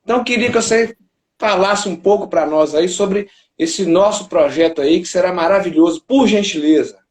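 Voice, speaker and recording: A man's voice: high-pitched, normal speed, echoey room. A man hosting a live interview, courteous and effusive, thanking his guest. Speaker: interview host.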